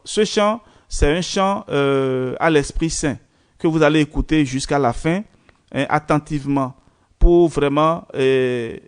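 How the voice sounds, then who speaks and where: Man giving unhurried prayer instructions. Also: fairly high pitch, a little mellow. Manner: unhurried, with frequent "hein" and "euh" fillers. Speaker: priest leading an online prayer. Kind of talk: informal sermon and prayer instructions.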